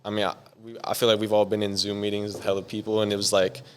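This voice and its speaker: With a lowish voice and a fast delivery, a young music producer from San Diego rambles through a laid-back interview, leaning heavily on "like." Slight background noise is audible.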